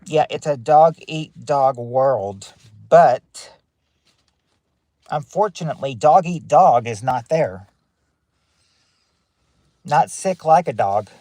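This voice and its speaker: A man's voice: a little high, lively intonation, takes it slowly, pauses often, warm tone, no room sound. A man hosting a casual family game show on a livestream, reading out answers and greeting viewers by name from his parked car.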